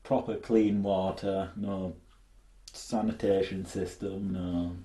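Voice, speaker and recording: A man's voice: low voice, fairly even intonation, slow pace, mellow, roomy sound. A man co-hosting a podcast in casual chat, joking and boastful. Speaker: podcast co-host.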